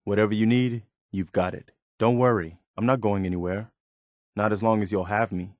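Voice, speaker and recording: Lightly acted by a male performer, a tired yet principled militia soldier from a post-apocalyptic game speaks steadily at a moderate pace in a lowish, darkish voice. Recorded dry and close, he talks plainly and conversationally, sincere and supportive like a loyal traveling companion.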